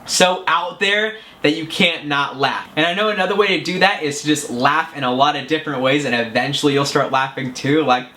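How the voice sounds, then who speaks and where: A man's voice: on the high side, brisk, hardly any pauses, sharp tone. A man hosting a casual advice vlog, talking in an earnest, chatty way with frequent restarts. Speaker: self-help vlogger.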